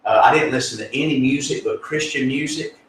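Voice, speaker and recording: Male pastor, earnest and folksy, mid-pitched, heard from across a reverberant room. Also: a little fast, a bit bright, a little hiss or hum. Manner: earnest, folksy, with many fillers and restarts. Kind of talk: conversational spiritual teaching. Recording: echoey room, distant mic, faint ambience.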